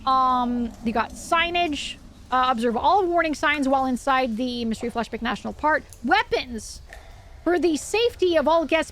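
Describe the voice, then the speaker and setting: A woman streams with a notably high voice and a cute, enthusiastic anime-streamer manner. She talks casually to her viewers and reads aloud with asides. Faint noise sits behind her voice. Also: a bit bright. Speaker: horror livestreamer. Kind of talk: casual livestream chat, reading aloud with asides. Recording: clear background noise.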